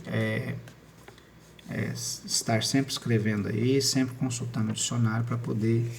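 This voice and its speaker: A man's voice: medium pitch, a little mellow, a little hiss or hum. A man teaching a recorded spelling lesson, explaining patiently step by step and often checking in with his students.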